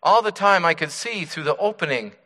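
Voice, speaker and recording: A talking teacup, all frantic pleading in high strained cries, as a preacher puts it on. The tone rings bright and forceful. It lingers in a long, echoing church reverb. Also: male voice, expressive, a little fast. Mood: pleading, anguished.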